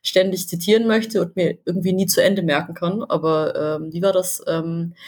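A woman's voice: fairly low pitch, steady tone, normal speed, darkish tone, slightly rough. A woman from southern Germany, a guest on a casual game podcast, who rambles through her thoughts with lots of fillers and slangy words. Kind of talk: casual podcast chat about games.

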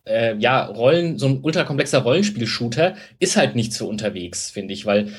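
A man's voice: medium pitch, lively intonation, fairly quick, slightly rough. A man co-hosting a podcast, giving opinions in casual chat. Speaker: podcast co-host.

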